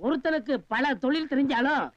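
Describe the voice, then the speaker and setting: A meek, agreeable sidekick. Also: male voice, very high voice, brisk, no echo, lo-fi sound. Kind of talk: Tamil film comedy dialogue.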